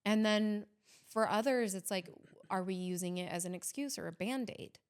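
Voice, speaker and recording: Woman therapist musing in relaxed chat. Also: mid-range voice, normal speed, clear, resonant tone. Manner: thoughtful, explains at length with frequent "like" and restarts. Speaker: therapist, podcast guest. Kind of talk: casual conversational interview.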